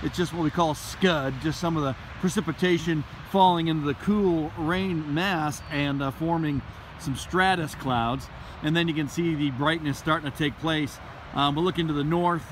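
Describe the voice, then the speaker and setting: An American man, a middle-aged meteorologist, giving casual, halting weather commentary and explaining what he sees as he films on a phone. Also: a little high. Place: in a car, then outdoors by a wet roadside. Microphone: handheld phone at arm's length. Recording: noisy phone video with traffic and outdoor noise.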